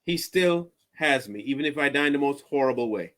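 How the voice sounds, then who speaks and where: A man hosting a casual chat, telling lively stories and laughing often. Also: mid-range voice, a little fast. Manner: animated storyteller, laughs often. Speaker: podcast host.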